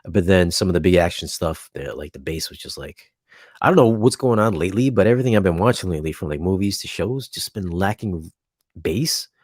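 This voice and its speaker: A laid-back co-host chats casually and teases his partner. His voice sits very low. The sound is close and dry. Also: animated, fairly quick, no echo. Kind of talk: casual live-stream chat.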